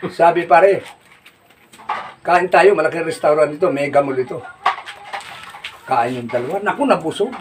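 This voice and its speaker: A man telling jokes in a folksy, rambling way, laughing at his own punchlines and shouting them out. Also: sits high. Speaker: comedy joke teller. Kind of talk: casual joke telling. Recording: distant mic with faint noise.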